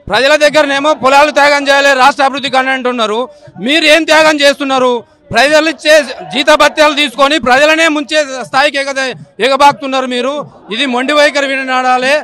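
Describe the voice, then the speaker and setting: A man speaks out as a protesting farmer, indignant and accusing. His voice is very high and sharply bright. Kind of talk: protest statement to reporter.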